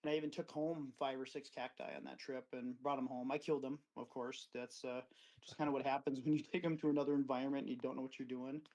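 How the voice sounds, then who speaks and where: A man's voice: little pitch movement, quick pace, a little mellow, low-quality recording. Easygoing Wisconsin-raised man telling stories. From Wisconsin, USA. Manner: rambling, anecdotal, acts out quoted friends with livelier pitch. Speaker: guest, cactus grower. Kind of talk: relaxed storytelling in an interview. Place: outdoor desert garden.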